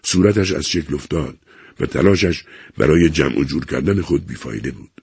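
Man narrating an audiobook, very deep, gravelly, husky, dry close sound, grave and unhurried. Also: darkish tone, dry recording.

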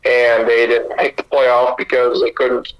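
A man's voice: medium pitch, completely flat delivery, measured pace, rough recording. A man co-hosting a sports podcast, giving opinionated takes in long runs of casual chat. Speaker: podcast co-host.

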